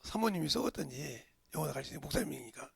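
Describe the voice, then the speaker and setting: A man preaching a sermon as pastor, swinging from shouts to hushed whispers and pressing the congregation with rhetorical questions. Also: on the high side, expressive, racing, creaky.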